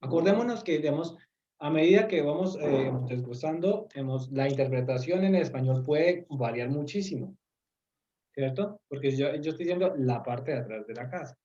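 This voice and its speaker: A man teaching a language to an online group on a video call explains patiently, full of fillers and hesitation, and checks understanding with tag questions; he's a Turkish teacher. His high-leaning, expressive, mellow voice moves at a moderate pace through dull audio.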